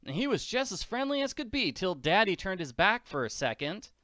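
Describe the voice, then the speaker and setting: Little Orphan Annie, as a man pitches her up. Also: sing-song, a little fast, bright, forceful tone, no echo, clean studio sound, full character voice. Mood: plucky worried. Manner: slangy, plucky, chatty. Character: spunky young orphan girl.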